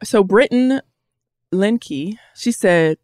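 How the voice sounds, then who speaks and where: Animated podcast co-host woman, dry mic. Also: medium pitch, very slow, no echo. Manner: animated, laughs often, reads listener messages aloud. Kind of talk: casual chat.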